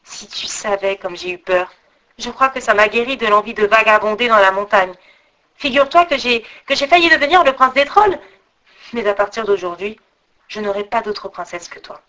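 A woman's voice: medium pitch, expressive, normal speed, pushed and bright. A woman voicing Pierre, a young peasant man in a storybook reading, pleading in panic or talking earnestly.

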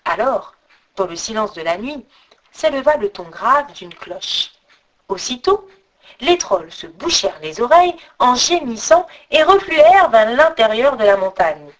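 Expressive woman reading a fairy tale. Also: on the high side, measured pace, rough recording. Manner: expressive, speaking to the listener. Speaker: storyteller. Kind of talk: storybook narration.

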